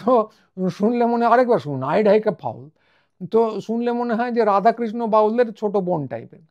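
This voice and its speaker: A man with a high-pitched, gravelly voice delivers a wry, mocking commentary. He sounds out individual letters one by one as he goes. The recording is dull and lo-fi. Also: animated, a little fast. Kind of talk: monologue commentary.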